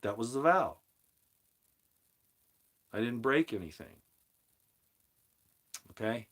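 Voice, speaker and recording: In a slow, sing-song delivery, a male livestream host with a medium-pitched, fairly bright voice talks casually about scripture. He answers chat by reading comments out loud, wandering as he goes and frequently starting his sentences over.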